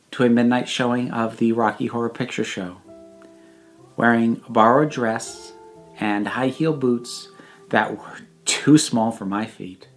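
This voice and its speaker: Here a mid-range voice belonging to someone in their thirties shares a prepared personal reflection. The phrasing is measured and emphatic, punctuated by deliberate pauses.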